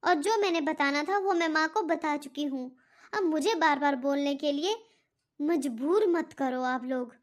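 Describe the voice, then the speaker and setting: A woman's voice: high-pitched, measured pace. A woman voicing a stubborn, dismissive teenage girl in a cartoon. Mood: irritated. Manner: irritated, dismissive. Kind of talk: cartoon voice acting.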